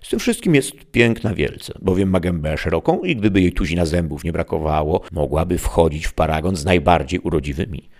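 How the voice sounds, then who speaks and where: A man's voice: sits low, animated, brisk, few pauses, darkish tone. A man voicing a simple, long-winded village peasant who speaks meekly and deferentially. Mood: earnest. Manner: meek, rambling, deferential.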